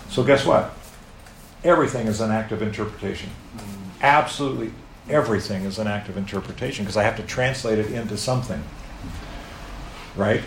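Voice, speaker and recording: A middle-aged American man preaches a sermon to a live audience, telling stories in an animated way with playful asides. His voice is on the low side, fairly quick and creaky, with long pauses. The room is echoey, with faint background noise.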